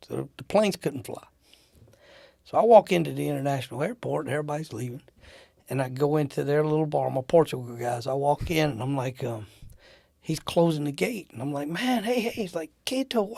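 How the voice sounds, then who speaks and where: Man guest, gravelly storyteller, animated, dry close mic. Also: on the high side, no room sound. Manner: animated, acts out the people in his stories. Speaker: interview guest telling war-era travel stories. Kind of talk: casual storytelling.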